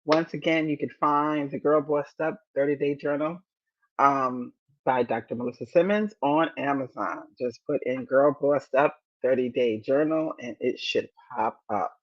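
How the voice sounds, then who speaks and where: Motivational host, woman in her fifties; slow and deliberate, repeats her points, slightly dull lo-fi recording. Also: a bass voice. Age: 50s. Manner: deliberate, repeats key phrases, encouraging. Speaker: podcast host. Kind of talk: motivational podcast talk.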